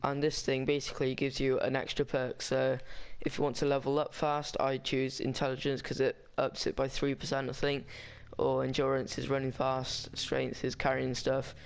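A man's voice: mid-range voice, monotone, normal speed, creaky, hardly any pauses, clear, resonant tone. A man talking casually over a game walkthrough, rambling and chatty with frequent restarts. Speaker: gaming guide maker.

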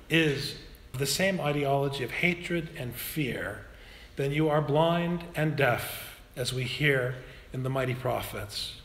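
A man's voice: a little high, a bit bright. A man, a parish priest, earnestly introducing a guest speaker in a church hall. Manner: earnest, emphatic. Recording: roomy hall echo with faint noise.

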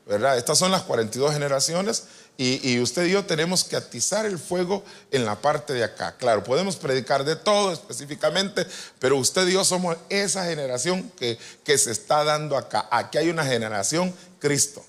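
Animated man preaching with lively pitch. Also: a little fast. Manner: animated, joking with the congregation, swings from loud to soft. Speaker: apostle preaching. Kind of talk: sermon. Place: church retreat hall.

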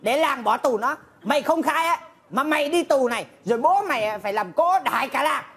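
A man's voice: extremely high pitch, animated, brisk, a bit bright, exaggerated voice. A man playing a bossy, pompous village chief with a Northern Vietnamese accent in a live stage comedy sketch. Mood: scolding. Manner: scolding, blustering, pompous.

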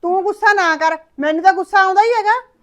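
A woman with a Punjabi accent playing a sharp-tongued village mother-in-law who scolds fast and loud. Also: sits high, natural voice. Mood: scolding. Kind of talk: village family drama acting.

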